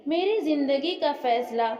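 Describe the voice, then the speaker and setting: A woman voicing a headstrong, angry young wife with sharp, indignant retorts, read in an echoey room. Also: sits high, expressive, unhurried. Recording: echoey room with long reverb.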